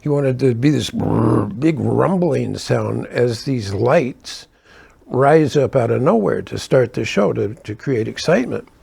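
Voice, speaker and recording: A man's voice: medium pitch, lively intonation, unhurried, creaky, a little mellow, slightly rough. An older man, a keyboard player, telling stories from his touring days in a casual, rambling way, often correcting himself and chuckling between asides. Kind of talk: casual anecdotal storytelling.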